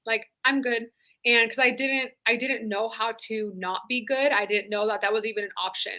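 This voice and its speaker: Bright-voiced woman telling her story candidly. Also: on the high side, steady tone, brisk. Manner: candid, conversational, many "like" fillers. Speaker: interview guest, former sheriff's deputy. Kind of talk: casual personal storytelling.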